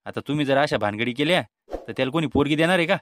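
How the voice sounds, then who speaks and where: A man's voice: on the high side, animated, rapid-fire, fairly bright tone, slight background noise. A man voicing an exasperated, timid middle-aged father in a cartoon comedy, with a Vidarbha Marathi accent and a pleading tone.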